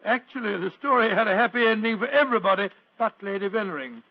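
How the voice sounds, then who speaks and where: An actor playing Doctor Watson, a genial, flustered older English gentleman with a British accent, in 1940s radio drama style. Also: high voice, lively intonation, fast. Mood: genial storytelling. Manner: bumbling, flustered, hesitant. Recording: dull, noisy old radio recording.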